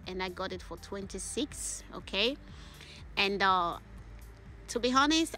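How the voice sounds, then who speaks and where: A woman's voice: medium pitch, sharp tone. A woman vlogger chatting through a casual try-on haul, enthusiastic about the clothes and tagging a questioning "okay?" onto her sentences. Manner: chatty, often adds a questioning "okay?" at the end of phrases; switches to voice-over narration partway.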